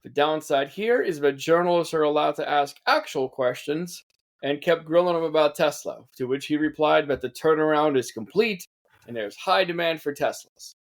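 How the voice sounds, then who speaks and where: A man's voice: fairly high pitch, normal speed. A man co-hosting a casual satirical news podcast, sarcastic and laughing often. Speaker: podcast co-host.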